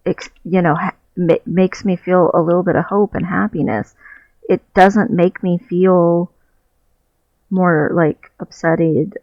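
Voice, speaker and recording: A high-pitched man speaks candidly and reflectively in a personal video diary, groping for words as he goes. He's a vlogger sitting on his bed at home, recorded on a headset mic with no room sound. The audio is dull, muffled and lo-fi.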